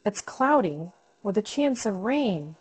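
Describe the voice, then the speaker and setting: A woman's voice: medium pitch, very animated, slow pace, husky, dry recording, rough recording. A woman giving short, plain scripted answers in a dialogue drill. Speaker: example speaker in a dialogue drill.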